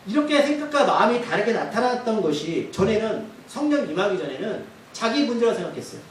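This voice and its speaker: Man preaching, high lively voice, roomy far-off sound, faint background hum. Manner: lively, questioning the congregation. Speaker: pastor. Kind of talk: sermon. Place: church sanctuary. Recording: echoey church hall from far off.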